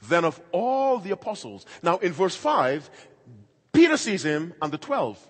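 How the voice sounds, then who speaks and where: Middle-aged pastor guy preaching hard, goes loud then soft, highish voice. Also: big pitch swings, measured pace, slightly rough. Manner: emphatic preaching, swings between loud and quiet. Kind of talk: sermon. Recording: long hall reverb.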